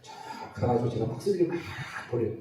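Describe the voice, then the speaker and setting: Animated man lecturing in an echoey hall. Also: mid-range voice, fast talker, far from the mic. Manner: animated, acts out dialogue with lively voices. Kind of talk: humorous lecture on personality types.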